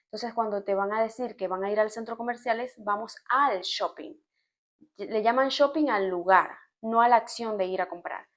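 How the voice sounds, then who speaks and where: A woman from Venezuela with a Venezuelan accent, chatting to camera in an expressive, explaining way, with laughs. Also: on the high side, moderate pace. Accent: Venezuelan Spanish. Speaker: vlogger. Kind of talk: casual storytime chat to camera.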